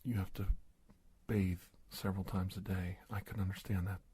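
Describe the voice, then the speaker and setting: In an ASMR roleplay monologue, a man plays a polite, startled investigator doctor confronted by an alien. His low-pitched voice is hushed, breathy, and whispery, with a flat delivery. He sounds astonished and bewildered, stammering in a halting, formal, courteous manner.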